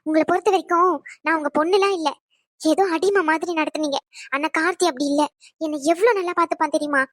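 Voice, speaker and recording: A woman voicing an indignant young bride in a cartoon, scolding in a sharp, rapid way. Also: very high voice, steady tone, no echo, clean studio sound. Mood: angry. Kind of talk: cartoon voice acting.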